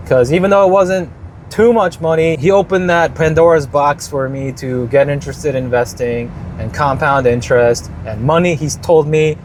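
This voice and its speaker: A man's voice: medium pitch, a little hiss or hum. A man in his thirties talking casually about money and luck, blunt and rambling, swearing freely. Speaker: investing vlogger. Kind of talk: casual monologue.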